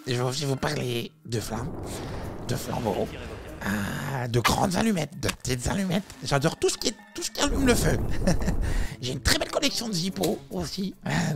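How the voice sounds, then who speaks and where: A man voicing a giggly, excitable male streamer obsessed with fire, full of nervous laughter. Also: on the high side, creaky, pitched above the performer's own voice.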